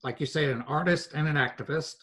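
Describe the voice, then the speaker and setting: An older man, telling local history in an interview at an even pace with many fillers. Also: fairly high pitch. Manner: measured storytelling with frequent fillers. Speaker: foundation president, guest.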